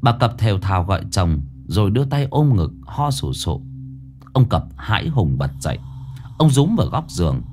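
A man's voice: on the low side, sing-song, moderate pace, mellow. A man narrating a scripted ghost story in a dramatic, suspenseful way. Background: faint background music.

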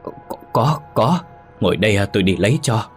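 A tough older village wife driven to frantic, stammering fear, as a male narrator puts her on. The voice is pushed higher and louder than the reader's own deep tone, in a spoken horror story. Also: normal speed, soft background music, close to an everyday voice.

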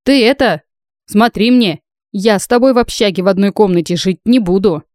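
A woman reading an audiobook, voicing a brash, teasing young female friend who talks loud and breezy. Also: medium pitch, normal speed, dry recording, clean studio sound, natural voice.

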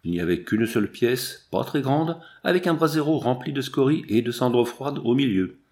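A man reading an adventure novel aloud in a measured, dramatic storytelling manner. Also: mid-range voice, animated, a little mellow. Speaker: audiobook reader. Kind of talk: audiobook narration.

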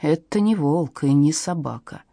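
A woman voicing an elderly male professor who lectures solemnly, in a husky, dark voice. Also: deep voice, expressive, a little slow, no echo, studio quality, exaggerated voice. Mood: grave.

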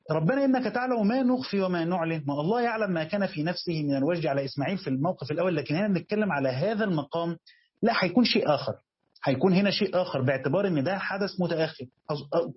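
A man with an Egyptian accent teaching a classroom lesson on Quran commentary, reading the text slowly and then explaining quickly and quizzing his students. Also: on the high side, slightly rough, muffled recording.

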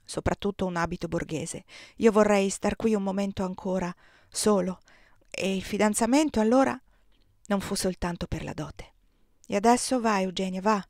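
A woman reading a literary novel aloud, measured and expressive, dropping to a hush in quiet passages. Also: medium pitch, no echo, clean studio sound. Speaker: audiobook reader. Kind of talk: literary audiobook narration.

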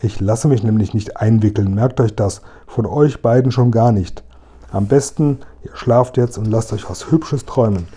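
A man voicing a boastful, gruff robber who taunts and sneers in a storybook reading. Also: on the low side, normal speed, dark tone. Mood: menacing.

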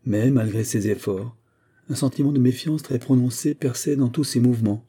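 A man narrating an audiobook in the first person, reading in a steady, measured way. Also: medium pitch, husky.

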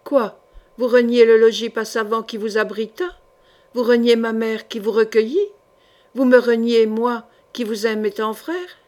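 Une femme lisant un livre audio prête sa voix à un jeune chevalier noble, fier et passionné, aux éclats pressants. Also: female voice, a little high, fairly even intonation, measured pace, a little mellow, close to an everyday voice. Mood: pleading. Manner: urgent, pleading outbursts. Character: young nobleman knight, proud and passionate. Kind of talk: audiobook character reading.

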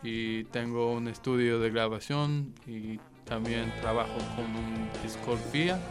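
A man's voice: mid-range voice, steady tone, a little slow. A man from England, a native English speaker, speaking hesitant, simple Spanish with an English accent as a guest in a casual radio interview. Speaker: radio guest, music producer. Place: radio studio, at a microphone. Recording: music playing behind the voice.

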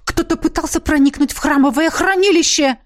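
A woman voicing a frantic, fussy male temple priest in a storybook reading, pleading in high, loud bursts. The delivery is close and dry. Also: fairly quick, lightly acted. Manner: pleading, breathless exclamations.

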